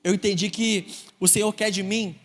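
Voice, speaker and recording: A young Brazilian man with a Rio accent preaches in a large church, his fairly high voice carrying long reverb through the hall. He speaks earnestly and personally, building emphasis as he goes. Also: fairly even intonation, moderate pace, soft background music. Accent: Brazilian Portuguese, Rio de Janeiro. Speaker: deacon preaching. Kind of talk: sermon.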